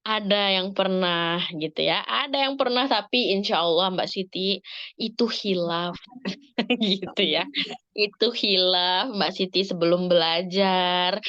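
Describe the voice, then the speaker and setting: A woman speaking to parents in an Islamic study talk, lively and expressive, acting out examples with sudden rises in pitch. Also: measured pace, dry recording, highs cut off. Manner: lively, dramatic shifts in pitch, acts out examples.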